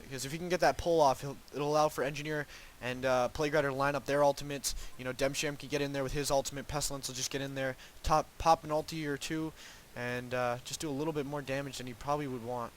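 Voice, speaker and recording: This young man's medium-pitched voice stays flat and fast, with hardly any pauses, over a little hiss or hum. Congested from a cold, he casts a video game match alone in solo play-by-play esports commentary, rambling and hedging with lots of ums and restarts.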